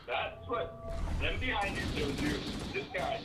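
A man's voice: sits high, animated, normal speed. Teasing young man gaming over noise. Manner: bossy, teasing, swearing. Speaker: gamer co-host. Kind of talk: casual gaming chat.

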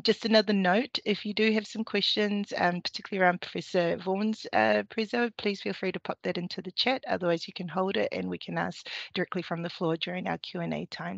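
A woman's voice: fairly low pitch, vocal fry, no room sound. A woman moderating a webinar panel, giving upbeat thanks and hand-offs over a video call. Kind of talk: hosting a webinar. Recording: dry, muffled video call audio.

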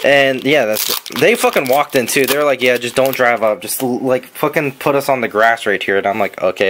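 A man's voice: mid-range voice, a bit bright, a little hiss or hum. A young man hosting a card pack opening, telling long, profane, rambling stories in casual chat in a basement. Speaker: host opening trading card packs. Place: basement room.

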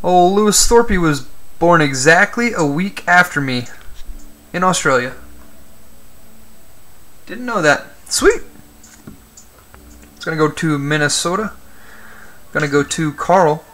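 A man hosts a card-opening stream, speaking at a slow, unhurried pace. His voice is bright and forward, and a little higher than most men's. He reads out names and trades jokes with the chat. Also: expressive. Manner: reads names aloud, chats with viewers, jokes about yawning. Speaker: card break host. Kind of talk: live-stream commentary while opening cards.

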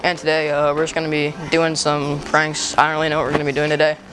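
A man's voice: a little high, monotone, fast talker, low-quality recording. A teenage boy hosting a casual prank vlog in a big store, talking brash and jokey into a camera mic. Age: teens. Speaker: prank vlogger. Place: large retail store indoors.

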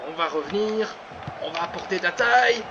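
A man commentating his own football video game career live, excitable, breaking into shouts and laughter before calming himself down. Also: sits high, fairly quick, gravelly, crowd noise. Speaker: gaming channel host. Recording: muffled lo-fi sound with steady background noise.

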